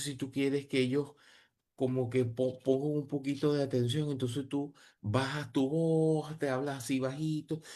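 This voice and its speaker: A man answering a panel question in an earnest way, often repeating and restarting his phrases, over a video call. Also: mid-range voice. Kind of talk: reflective answer in an online panel.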